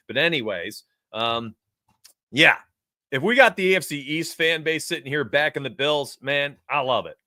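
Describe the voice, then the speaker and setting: This sports betting stream host, a man of forty from New York, keeps the chat casual and lively, talking right to his viewers. He has a mid-range voice, captured in clean studio sound without echo.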